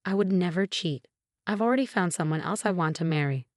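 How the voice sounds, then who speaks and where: A woman voicing a smug, scheming husband in his fifties in a narrated story, mocking and later yelling in panic. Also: on the low side, fairly quick, no echo, clean studio sound, close to an everyday voice.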